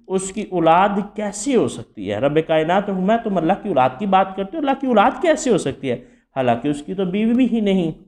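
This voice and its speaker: A man with a Pakistani Urdu accent giving a measured, explanatory Quran commentary lecture. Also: on the high side, darkish tone. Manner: explanatory, measured, lists many names one by one. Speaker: religious commentator.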